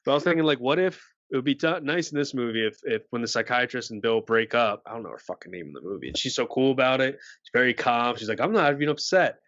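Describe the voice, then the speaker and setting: A man rambles through a casual podcast chat, swearing freely and restarting his sentences. His voice has a middle pitch. The sound is dull and dry. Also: expressive, fast, a bit bright, no room sound. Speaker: podcast co-host.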